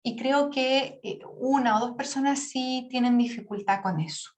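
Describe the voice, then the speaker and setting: A woman teacher giving patient, explanatory feedback on an exam to her class, often checking in with the students. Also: high voice. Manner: patient, explanatory, checks in with frequent tag questions; demonstrates word pronunciation slowly. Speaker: English teacher.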